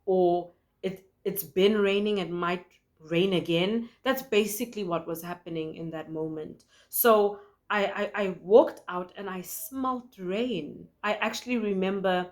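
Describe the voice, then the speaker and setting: A woman's voice: mid-range voice, measured pace. Earnest woman sharing a prophetic dream. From South Africa. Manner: earnest, conversational, with frequent fillers and restarts.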